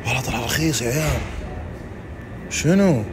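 A young man, bantering loudly and teasingly in a comedy skit, swearing oaths as he goes. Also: medium pitch, lively intonation, fairly quick, a loud crowd.

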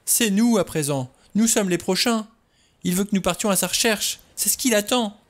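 A man voicing a frightened, desperate young woman in an audiobook reading, speaking in a high, trembling way. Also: moderate pace, close to an everyday voice. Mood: frantic. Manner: pleading, high-pitched, trembling.

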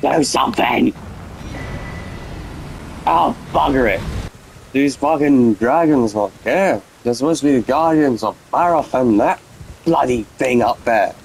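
A young man narrating his own gameplay, cursing nonstop and blowing up at every setback. His voice has a gravelly, fry-heavy edge, and he talks at an unhurried, drawn-out pace. A faint hiss sits under the recording. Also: mid-range voice, animated, low-quality recording. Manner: swears constantly, rages at the game. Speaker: gamer. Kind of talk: let's play commentary.

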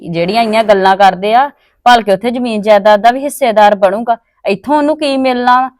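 A woman's voice: on the high side, fast talker, darkish tone, no echo, clean studio sound, close to an everyday voice. A woman playing a pragmatic, self-interested young married villager in a family drama, blunt and persuasive. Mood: persuasive, exasperated. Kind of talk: acted family drama dialogue.

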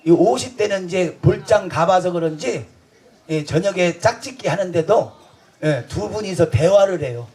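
Brief: high-pitched man, loud bawdy stage comic working the crowd, laughs through his lines. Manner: boisterous, bantering with the audience, crude jokes. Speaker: street comedy performer. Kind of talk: festival stage comedy show.

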